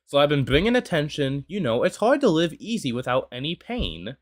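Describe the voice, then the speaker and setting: Speaking fairly quickly with a sing-song lilt, a young American man of twenty rambles through relaxed reaction commentary on YouTube. His pitch is fairly high, and "you know" crops up constantly.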